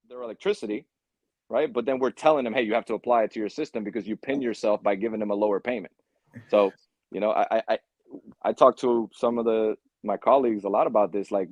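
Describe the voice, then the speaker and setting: A man's voice: on the low side, a little mellow, no room sound. A man being interviewed about solar sales, talking casually with stammering restarts and saying "man" and "right?" a lot. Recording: dull lo-fi, dry sound.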